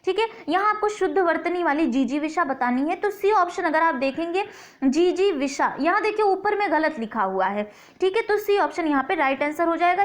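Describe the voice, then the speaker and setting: A woman with a very high voice leads an exam-prep lesson as the teacher. She explains each question step by step and slows down to sound out key words carefully. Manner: explains step by step, repeats words slowly to stress pronunciation.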